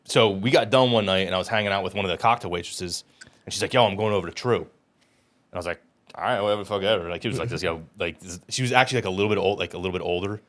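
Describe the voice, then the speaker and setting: A man's voice: low voice, very fast, fairly bright tone. A man co-hosting a podcast, telling anecdotes in casual, profane chat.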